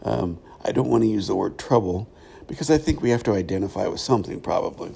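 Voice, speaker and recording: A middle-aged man with a gravelly voice giving a reflective solo podcast monologue, thoughtful and halting, with frequent pauses. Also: fairly low pitch, animated, warm tone. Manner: thoughtful, halting, pausing often. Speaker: podcast host, former pastor.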